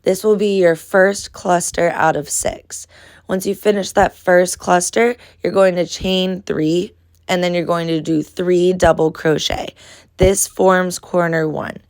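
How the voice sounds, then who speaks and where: A woman's voice: lowish voice, fairly even intonation, unhurried, a little mellow, no room sound. Nasal, stuffed-up woman teaching crochet. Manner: friendly, instructive, addresses viewers as friends. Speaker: crochet tutorial host. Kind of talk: casual step-by-step tutorial.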